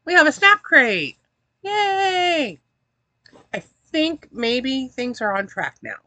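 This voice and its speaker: A woman's voice: on the high side, big pitch swings, a little slow, pushed and bright, dry recording. A woman hosting a casual snack-box unboxing, chatty and wry, reading the packaging aloud. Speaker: host reviewing a snack box.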